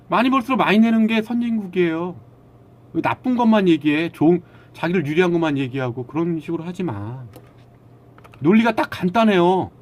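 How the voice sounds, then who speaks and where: A man talking casually to his live-stream viewers, lecturing them bluntly and arguing back at their comments. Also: sits high.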